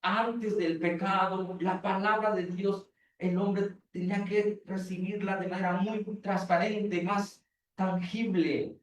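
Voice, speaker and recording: A man's voice: high voice, little pitch movement, slow. A man, a pastor, giving a sermon, preaching emphatically and repeating his phrases. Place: church. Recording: echoey hall, mic far off.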